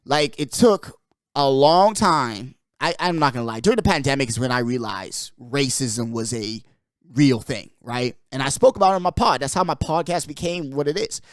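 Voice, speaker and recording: A man's voice: mid-range voice, normal speed, dry recording, studio quality. A young man from the Bahamas hosting his podcast, talking in a rambling, emphatic way and peppering his talk with "bro" and "like". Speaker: podcast host. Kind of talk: casual chat.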